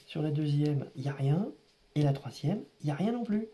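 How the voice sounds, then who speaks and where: A man's voice: a little high, lively intonation, moderate pace, mellow. A man giving casual running commentary while scratching lottery tickets, grumbling and exasperated, muttering to himself.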